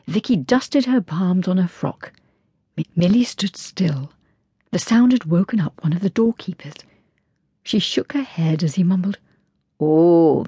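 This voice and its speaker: A woman reading an audiobook in a soft, breathy, measured way, close to the mic. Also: on the low side, no echo. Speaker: audiobook narrator. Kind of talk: scripted audiobook narration. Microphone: close studio mic.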